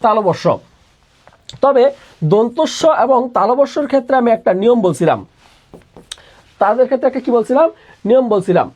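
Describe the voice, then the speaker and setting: Brisk and animated, this tutor's very high voice has a darkish tone and pauses often, and the audio sounds dull. In his online admission-test prep class he repeats every question and supplies the answer himself as a drill, sprinkling in English words.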